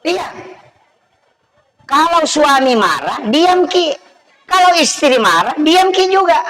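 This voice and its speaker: A man's voice: extremely high pitch, big pitch swings, slow pace, a bit bright, poor audio. A man with a Bugis accent preaching a humorous sermon at an evening gathering, teasing the audience and acting out scolding parents.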